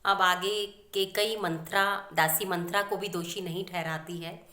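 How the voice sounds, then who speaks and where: A woman's voice: fairly low pitch, fairly even intonation, unhurried, bright, forceful tone. A woman teacher explaining a poem line by line, restating each verse in plain everyday words. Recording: echoey room.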